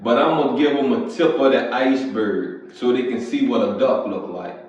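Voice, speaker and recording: A man preaching casually as a pastor and podcast host, often clearing his throat and asking "you feel me". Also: mid-range voice, moderate pace, darkish tone. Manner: conversational, repeats "you feel me". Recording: echoey, distant, dull lo-fi sound.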